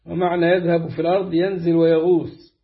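Man, high voice, measured hadith reading, slow deliberate delivery, muffled lo-fi recording. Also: little pitch movement. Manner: slow, deliberate recitation with drawn-out phrases. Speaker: hadith reader. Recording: dull lo-fi recording.

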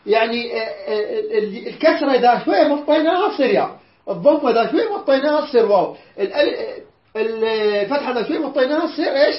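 A woman's voice: a little high, lively intonation, fast. A woman with an Iraqi accent teaching a Quran class, patiently repeating words and quizzing her students. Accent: Iraqi Arabic. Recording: roomy dull lo-fi recording.

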